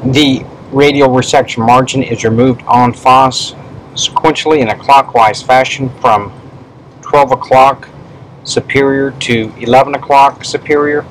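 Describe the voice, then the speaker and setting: A man dictating a medical specimen report in a measured way, speaking the punctuation aloud. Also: mid-range voice, low-quality recording. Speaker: pathology specimen prosector. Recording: steady background room noise.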